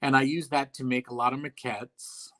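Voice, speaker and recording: Male sculptor guest, blunt and deadpan, bright edge to the voice. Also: mid-range voice, normal speed. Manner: blunt, dry, profane, offhand. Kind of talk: casual interview talk.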